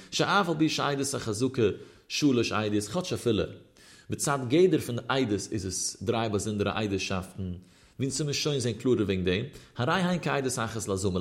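A man teaching a traditional Talmud lesson, reasoning through a case in a sing-song manner that rises and falls. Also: mid-range voice. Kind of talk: traditional Talmud study lecture.

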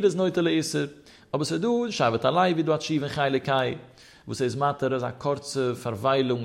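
A man teaching a religious law lesson, citing sources in a rising and falling cadence. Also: a little high. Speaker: Torah teacher.

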